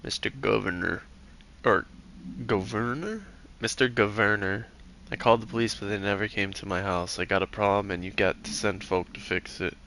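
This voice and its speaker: A man's voice: lowish voice, steady tone, moderate pace, creaky, bright, forceful tone, a little hiss or hum. A man voicing a superstitious rural man who writes to the governor about a haunted singing fish, in a folksy, plain-spoken manner and a put-on accent. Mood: worried.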